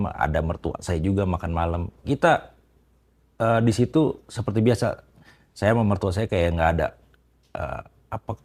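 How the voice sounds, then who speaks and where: This interview guest, a man with a very low voice, shares a private story in a loose, halting way full of fillers and false starts. His usually quiet tone rises when things in the story get tense.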